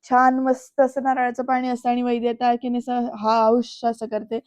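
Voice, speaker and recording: A woman's voice: a little high, monotone, moderate pace, a little mellow, no echo. A woman narrating a casual, chatty recap of a TV serial episode, speaking directly to her viewers. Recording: dull lo-fi, dry room.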